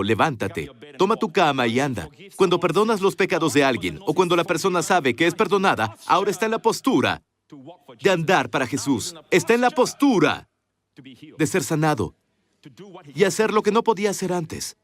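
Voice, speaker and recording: A man's voice: fairly high pitch, sing-song, a little fast. A man preaching a sermon earnestly, speaking directly to his congregation. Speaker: pastor.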